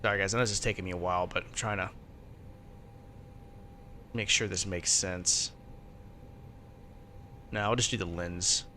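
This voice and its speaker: A man's voice: steady tone, moderate pace, long pauses, bright, forceful tone. A man streaming as a virtual pilot, casually thinking aloud and muttering to himself as he works through steps. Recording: faint background noise and low rumble.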